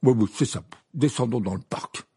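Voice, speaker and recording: A man's voice: medium pitch, big pitch swings, moderate pace, creaky, a little mellow, slightly rough, pitched above the performer's own voice, heavily acted. A man voicing a flustered, pompous middle-aged male minister who stammers and repeats himself. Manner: stammering, hesitant, repeats words.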